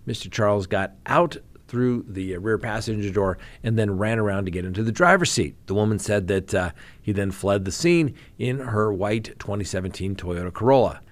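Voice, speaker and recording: A man's voice: fairly low pitch, moderate pace. A man who works as a criminal defense attorney, hosting a show where he reads crime news and adds wry, joking commentary. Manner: wry, animated, reads news then jokes about it.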